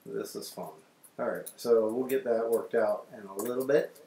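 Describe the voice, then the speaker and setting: A man livestreams himself making breakfast, talking casually to viewers and fiddling with audio settings along the way. His voice is mid-range and dark-toned at a normal speed. The off-mic recording gives it a cave-like echo with slight background noise.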